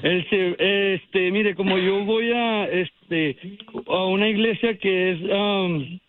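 A young man in his twenties calls in over a tinny phone line. His voice is high, and he talks hesitantly, hunting for words. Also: fairly even intonation, slow pace, a little hiss or hum. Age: 20s. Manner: hesitant, many fillers. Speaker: caller. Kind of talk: casual phone chat.

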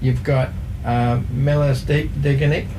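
A man, talking football facts in a casual radio chat, slow and hesitant with many fillers. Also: medium pitch, little pitch movement, background noise. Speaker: football pundit.

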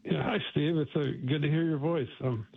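A man's voice: a little high, steady tone, moderate pace, vocal fry. A man in his seventies calling in to a radio show over the phone, friendly and chuckling, with hesitant fillers. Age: 70s. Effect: calling in over a phone line. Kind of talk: casual call-in chat. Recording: tinny phone line.

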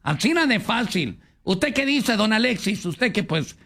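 A man's voice: sits high, sing-song, moderate pace, gravelly, fairly bright tone. A man with a Mexican accent hosting a comedy radio show, joking and reading listener messages aloud. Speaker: radio host. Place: radio studio.

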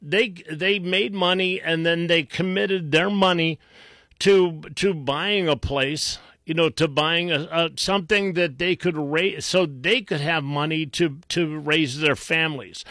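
A man co-hosting a radio talk show, speaking in halting bits as he searches for words in casual talk. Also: on the high side, sharp tone, no echo.

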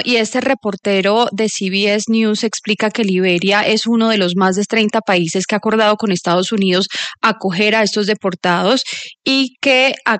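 Radio reporter reading news, clear n measured, mid pitch, dry sound. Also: fairly bright tone, no room sound.

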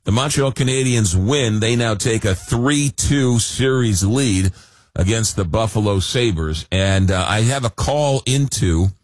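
On a late-night call-in radio show, the male host speaks at a measured pace in a lowish voice, struggling with a cold that's costing him his voice. He's rambling and casual, with lots of fillers and dry jokes, and the recording has no echo.

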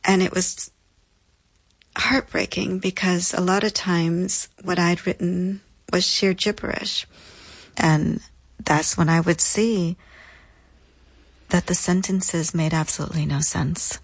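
As an interview guest, a woman tells her own story in a slightly low, slightly rough voice with a steady tone. She speaks reflectively and deliberately, using repetition for emphasis. The recording is close and dry, with no room sound.

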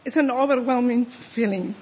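A new citizen from Honduras giving a halting, emotional personal speech at an outdoor ceremony. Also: medium pitch, a little mellow, slight background noise. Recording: dull audio with faint ambience.

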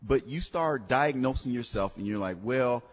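Broadcasting a live radio promotion for a car dealership, this male host chats in an upbeat, salesy tone meant to encourage listeners. He speaks at a normal speed with a medium pitch and a breathy edge, and a long reverb like a hall surrounds his voice.

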